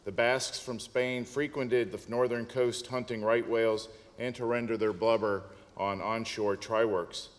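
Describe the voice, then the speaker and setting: A man moderating a conference, reading a formal introduction in a measured way. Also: medium pitch, fairly even intonation. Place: conference hall. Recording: hall reverb.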